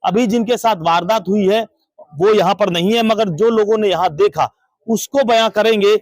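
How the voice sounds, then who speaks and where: A man's voice: sits high, normal speed, no room sound. A man reporting from a crowded street as a local news reporter, making urgent, dramatic appeals to viewers.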